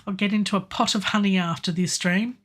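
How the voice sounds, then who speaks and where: A middle-aged woman with a hoarse, sore throat thinks aloud while working on a song in her home studio, filling the casual live stream with ums and pauses. She's a music producer streaming a songwriting session, speaking in a mid-range voice with a steady tone as faint music from the session plays indoors.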